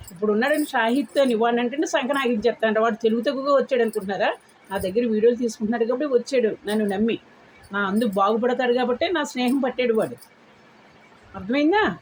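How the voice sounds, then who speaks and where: Older woman vlogger, higher voice, coarse scolding rant at viewers. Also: a little hiss or hum, rough recording. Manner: scolding, coarse, repeated insults; addresses viewers with polite "andi" between insults. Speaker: vlogger answering commenters. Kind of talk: angry direct-to-camera rant.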